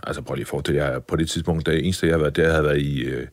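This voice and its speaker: Chef guest, man, 50s: low, dry, close voice; blunt, lively anecdotes. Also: dry recording. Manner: lively, blunt, mild swearing. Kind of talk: casual storytelling in a podcast interview.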